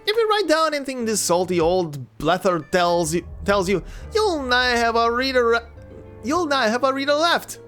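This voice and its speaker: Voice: mid-range voice, very animated, normal speed, fairly bright tone, soft background music, pitched above the performer's own voice. Someone putting on a scoffing, salty ghost sailor. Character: cheeky bickering ghost sailor, salty and mocking.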